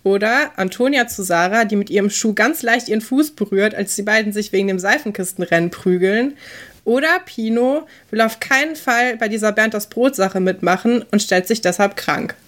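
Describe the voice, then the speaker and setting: A woman's voice: medium pitch, normal speed. A woman in casual chat, vividly and with amusement retelling funny scenes from a TV series.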